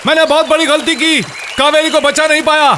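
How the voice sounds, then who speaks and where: A man's voice: very high voice, level tone, fairly quick, crowd noise, background noise. A man voicing a guilt-ridden young man who stubbornly refuses help in a dubbed film. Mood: despairing. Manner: stubborn, despairing.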